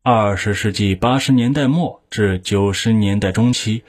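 A man reading scripted true crime narration in a measured, factual way, as a storyteller of criminal cases. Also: on the low side.

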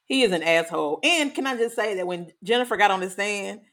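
A woman co-hosting a podcast in a casual chat, animated, often laughing and trailing off with ums. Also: mid-range voice, brisk. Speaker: podcast co-host.

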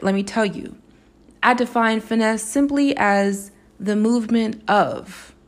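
A woman's voice: on the high side, vocal fry. A woman hosting her own podcast, talking through her thoughts in a musing, spiritual and playful way. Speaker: podcast host. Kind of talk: reflective solo podcast monologue.

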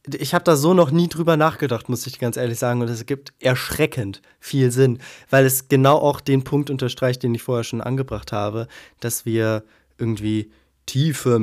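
A man's voice: mid-range voice, steady tone, normal speed, a little mellow. Man, podcast co-host, casual chat, teasing, talkative.

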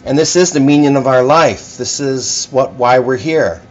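A man's voice: mid-range voice, moderate pace, highs cut off. A man speaking as a priest at Mass, addressing a congregation in scripture reading and sermon.

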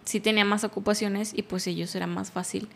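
A woman's voice: medium pitch, level tone, fairly quick, vocal fry, a bit bright. Chatty mexican woman, easygoing podcast talk, mid voice. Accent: Mexican Spanish. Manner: chatty, laughs easily. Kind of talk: casual chat.

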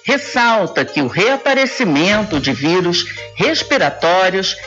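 A woman's voice: fairly low pitch, big pitch swings, a little slow, fairly bright tone, muffled recording, soft background music. A woman with a Brazilian accent reading a scripted news report as a reporter.

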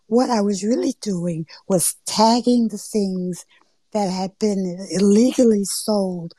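A middle-aged woman with a mid-range voice and a gentle accent balanced between Southern and Northern American speech, shaped by Georgia and New York, talks on a panel during a live audio forum roundtable. She takes her time, telling stories with drawn-out phrasing and soft asides, and there's no echo.

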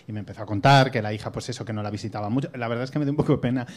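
A man's voice: mid-range voice, rapid-fire. A man guesting on a comedy show, talking casually and telling a small anecdote. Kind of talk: casual chat.

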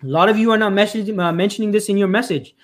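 His voice sits high and he talks very fast. As a career coach on a live stream, he gives job seekers emphatic, often repeated advice, calling them "folks," with plenty of false starts and "uh" fillers.

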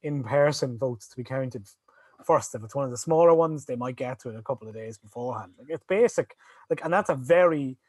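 A man talks casually and in a rambling way, full of fillers and restarts. His voice is husky, and the sound is dry and close. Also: mid-range voice, fairly quick, a little mellow, dry recording. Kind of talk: casual chat.

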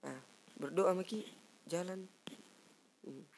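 A young man from South Sulawesi with a Makassar Indonesian accent, telling a story in casual chat on a cheap headset mic, animated and acting out sounds. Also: sits high, slow pace, creaky. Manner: animated, mimics sounds and acts out friends' lines. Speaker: guest storyteller.

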